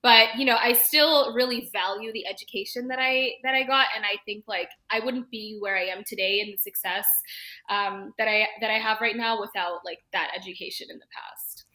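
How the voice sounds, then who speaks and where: Podcast guest, woman, 20s, from Toronto, animated and bright-toned, lots of likes and ums. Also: medium pitch, moderate pace. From Toronto, Canada. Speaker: guest, YouTube creator. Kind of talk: podcast interview.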